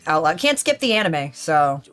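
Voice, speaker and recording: A woman's voice: deep voice, big pitch swings, moderate pace, a bit bright, soft background music. Chatty rambling woman in her thirties. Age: 30s. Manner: rambling, chatty, swears casually. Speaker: streamer. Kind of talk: casual game-stream chat.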